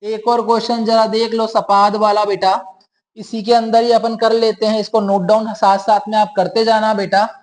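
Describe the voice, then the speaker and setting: In a classroom lesson, a man with a high, level-toned voice at a moderate pace patiently explains rules. He often checks that students are following, keeps calling them "beta," and asks them questions.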